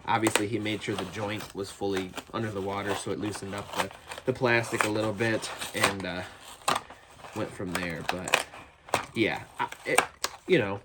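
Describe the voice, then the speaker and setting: Nasal and a bit phlegmy from a cold, a man rambles eagerly through an unboxing review of action figures from his toy building, restarting often. His pitch is fairly low. The recording is very noisy.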